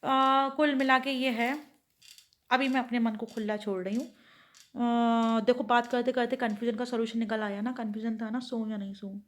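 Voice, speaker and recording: A woman chats casually to her viewers in a home vlog, rambling and thinking aloud. Her voice sits a little high, with a steady tone and a normal pace.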